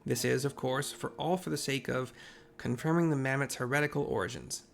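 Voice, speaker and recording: A man's voice: medium pitch, a little fast, gravelly, natural voice. A man voicing a haughty inquisitor from a fantasy game, speaking formally and pompously. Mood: haughty, evasive. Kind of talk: game dialogue read aloud.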